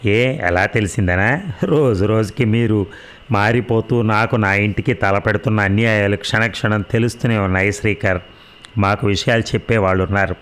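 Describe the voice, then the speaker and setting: A man's voice: fairly low pitch, moderate pace, a bit bright, clear, resonant tone, natural voice. A man doing a scornful rich young wife. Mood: cold. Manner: mocking, scornful and defiant. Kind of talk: audio drama reading.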